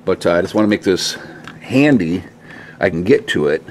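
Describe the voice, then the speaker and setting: With a low voice and lively intonation, the man moves at a moderate pace through his casual, slightly salty how-to explanation. He holds the camera himself while working at a pickup truck in a home garage, and the recording carries a slight hiss or hum.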